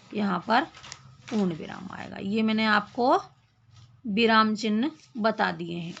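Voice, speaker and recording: Slow, gravelly-voiced woman teacher. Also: on the high side, a bit bright, dull audio. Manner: explains slowly, repeats phrases, asks rhetorical questions. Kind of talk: Hindi grammar lesson.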